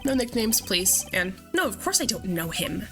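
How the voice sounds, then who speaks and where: A woman's voice: mid-range voice, big pitch swings, normal speed, music in the background. A woman voicing an earnest young male defense lawyer who stammers and stays polite, close to her own voice.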